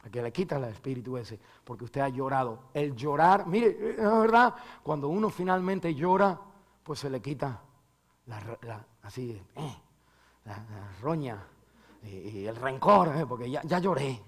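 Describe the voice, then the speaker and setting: A man's voice: mid-range voice, measured pace. A male pastor preaching a sermon and leading a closing prayer, impassioned, swinging from a raised voice down to a near whisper and dropping English words into Spanish.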